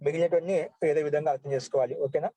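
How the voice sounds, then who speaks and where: A man teaching Sanskrit grammar, slowly reciting verb forms one by one. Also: fairly high pitch, fairly even intonation, mellow, no room sound, low-quality recording. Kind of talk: online class lesson.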